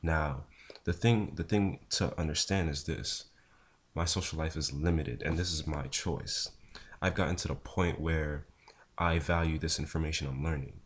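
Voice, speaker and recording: A young man talking casually to camera in a low, unhurried, low-energy voice with a husky, just-woken sound. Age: young adult. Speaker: vlogger, pre-med student. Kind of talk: casual talk to camera answering viewer questions.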